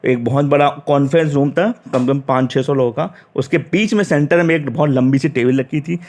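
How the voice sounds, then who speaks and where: A man's voice: mid-range voice, fairly quick, a little mellow. A young man from Uttar Pradesh, chatty, recounting his job interview and retelling the dialogue with frequent restarts. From Uttar Pradesh, India. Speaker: interview candidate recounting experience. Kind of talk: casual storytelling.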